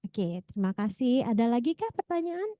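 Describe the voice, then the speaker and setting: A woman's voice: a little high, very animated, moderate pace, dark tone, no echo. A woman moderating an academic seminar Q&A, reading out questions, friendly and laughing often. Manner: friendly, laughs often, rephrases as she goes.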